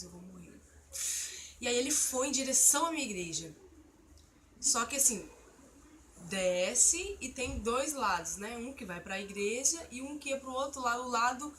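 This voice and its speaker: A woman's voice: fairly high pitch, bright, forceful tone, slight background noise. A woman earnestly telling a personal religious testimony, recounting a frightening experience in an emotional storytelling manner. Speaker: testimony speaker.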